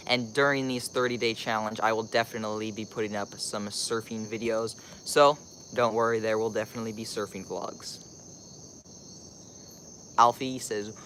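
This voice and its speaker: Teen guy vlogger, kinda low voice, rambly casual livestream chat, insects chirping behind him. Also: fairly bright tone, slight background noise. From Costa Rica. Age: 16, teenager. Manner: rambling, thinking aloud, says "like" often. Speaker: vlogger answering live stream questions. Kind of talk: casual live stream chat.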